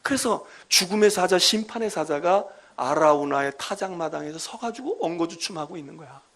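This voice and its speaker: Male pastor, middle-aged, gravelly and a bit husky, very animated storytelling sermon. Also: fairly high pitch. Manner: lively storytelling, acting out quoted prayers. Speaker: senior pastor. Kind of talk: midweek Bible lecture sermon.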